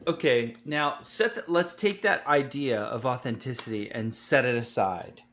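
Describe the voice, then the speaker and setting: A man's voice: mid-range voice, normal speed, fairly bright tone, slight background noise. Rambling, cursing man co-hosting a podcast. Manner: rambling, swears freely. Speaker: podcast co-host. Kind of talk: casual podcast chat.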